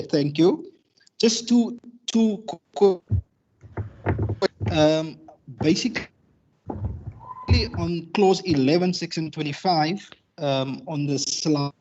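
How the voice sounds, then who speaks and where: A man asking questions in a formal committee meeting over a remote call, his audio breaking up on a bad connection and his speech halting with restarts. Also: fairly high pitch, a little mellow, slight background noise. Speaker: committee member. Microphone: remote video call. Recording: dull, muffled call audio.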